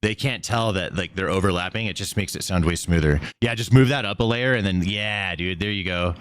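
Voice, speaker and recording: Low-voiced man, blunt and sweary, drawn-out S. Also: smooth, dry recording. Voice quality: drawn-out S sounds. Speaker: streamer and video creator directing an editor. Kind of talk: casual live-stream talk.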